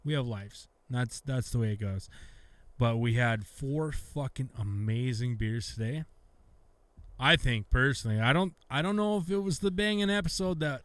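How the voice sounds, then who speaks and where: Brief: Canadian guy, mid-pitch, profane rambling podcast co-host, dry close mic. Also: normal speed, fairly bright tone, no echo. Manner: profane, rambling, restarts often. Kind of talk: casual beer podcast chat.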